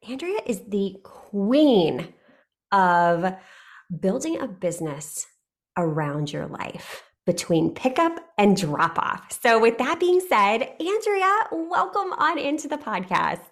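A woman's voice: medium pitch, big pitch swings, slow pace. A woman hosting a podcast, welcoming her guest and asking questions in a gushing, enthusiastic way. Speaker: podcast host. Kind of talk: casual podcast interview.

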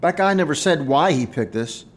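A man's voice: on the high side, animated, moderate pace. An actor playing an anxious, earnest young man held captive, speaking in an exasperated way. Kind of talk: audio drama acting.

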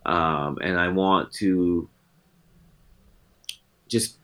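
His deep, slightly bright voice holds a steady tone and draws out words. He's a musician in his forties guesting in a casual interview, laid-back and reflective, and tends to circle back on his thoughts.

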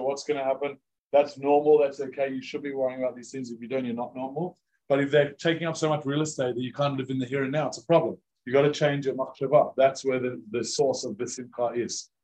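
Over poor-quality audio, a rabbi with a mid-range voice teaches an informal class to a live student group. He keeps things chatty, uses "like" a lot, and repeatedly asks the audience questions.

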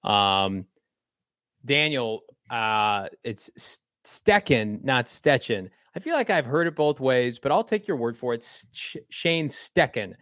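A man's voice: mid-range voice, animated, measured pace, a bit bright, no room sound, studio quality. A man co-hosting a live sports podcast, chatting casually in an upbeat, folksy way. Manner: upbeat, folksy sign-offs. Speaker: podcast co-host.

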